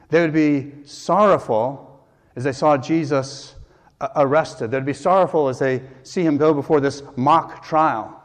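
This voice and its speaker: Man preaching in a reverberant hall. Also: mid-range voice. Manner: earnest, emphatic preaching with dramatic pauses. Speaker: pastor. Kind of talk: sermon.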